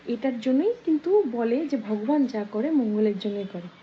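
A woman vlogger casually retelling a folk tale, lively, acting out the characters' lines. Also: fairly high pitch, moderate pace. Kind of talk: casual storytelling. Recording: dull lo-fi sound with faint noise.

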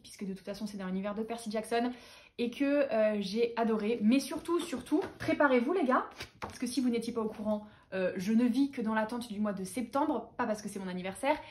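A woman's voice: on the high side, darkish tone. A young woman from France hosting a casual book haul chat, gushing with fan enthusiasm. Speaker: booktuber host.

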